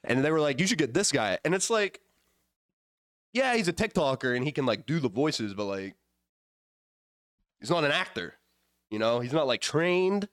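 A man hosting a podcast with playful, casual hype, his voice wheezy and hoarse from being sick. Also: on the high side, very animated, normal speed, pauses often, dry recording, studio quality. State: sick, voice partly gone. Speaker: podcast host.

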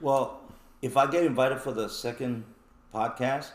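A man's voice: mid-range voice, steady tone, unhurried. Male podcast guest, brash and profane, echoey room. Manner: brash, cursing, joking. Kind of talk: casual chat.

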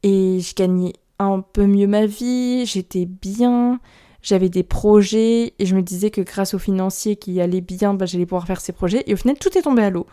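A young woman hosting her own podcast, talking candidly in a rambling, quick way and laughing nervously now and then. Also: medium pitch, dark tone, clear, resonant tone. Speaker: podcast host. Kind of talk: personal solo podcast talk.

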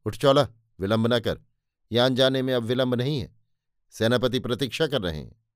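A man voicing a composed woman attendant, firm and steady, in a storybook reading. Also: medium pitch, normal speed, no room sound, clean studio sound, close to an everyday voice.

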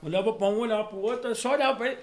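A man hosting a podcast, telling funny stories in an animated, slangy, joking way. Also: sits high, racing, heavy background noise. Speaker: podcast host. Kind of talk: casual chat.

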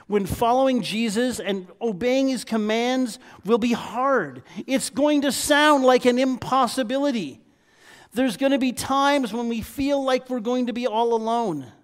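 Slow-speaking high-voiced male preacher. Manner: emphatic preaching with repeated proclamations. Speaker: pastor. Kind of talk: sermon.

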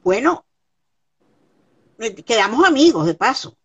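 High-voiced Venezuelan woman, earnest. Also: big pitch swings, unhurried, husky, lo-fi sound. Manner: earnest, repeats words for emphasis. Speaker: guest, comedian. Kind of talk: conversational interview.

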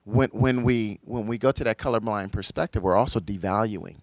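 Low-voiced man speaking reflectively. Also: brisk, dry recording. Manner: affirming, reflective, with frequent restarts. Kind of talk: conversational talk on faith and society.

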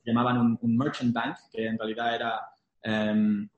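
In a casual interview, a young man who once worked as an investment banking analyst goes over his career in Spanglish, slipping English business vocabulary into his Spanish. His medium-pitched voice barely moves in pitch and runs at normal speed. The recording is muffled, and the room echoes.

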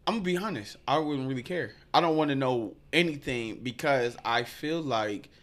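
A man's voice: mid-range voice, moderate pace, fairly bright tone, slight background noise. A man co-hosting a podcast, talking bluntly in heavy slang in a casual chat. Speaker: podcast co-host.

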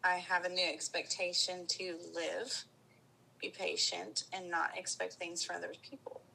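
A woman as a coaching client, answering questions and repeating an affirmation in slow, deliberate phrases. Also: on the low side, flat delivery, creaky, sharp tone, slight background noise, low-quality recording.

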